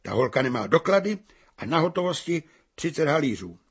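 A man voicing a gruff, commanding police sergeant in a storybook reading, with a loud, husky voice. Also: a little high, big pitch swings, pitched above the performer's own voice, full character voice.

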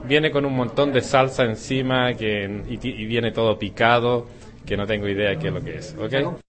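A man from Chile with a Chilean Spanish accent, a Spanish teacher answering interview questions in a relaxed, rambling way with hesitations. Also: medium pitch, moderate pace.

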